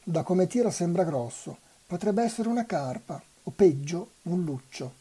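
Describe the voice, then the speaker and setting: A volunteer reader voicing a calm, capable teenage boy in a novel read aloud, speaking in a steady, reassuring way. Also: medium pitch, normal speed, husky.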